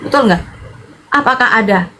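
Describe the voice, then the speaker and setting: A woman evangelist from Madura preaches in a loud, sharp, bright voice that sits high in her range. She is animated and keeps calling out her viewers by name as she preaches. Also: normal speed, slight background noise. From Madura, Indonesia. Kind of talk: livestream sermon.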